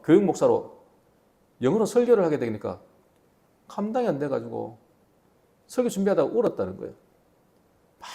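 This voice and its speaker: Middle-aged male pastor, sermon delivery, lively rising-and-falling pitch, gravelly edge. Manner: animated storytelling, rhetorical questions. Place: church sanctuary.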